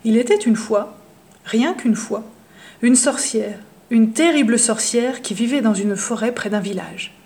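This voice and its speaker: A woman reading a children's story aloud, lively and expressive, hushing for suspense. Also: fairly high pitch, a little slow.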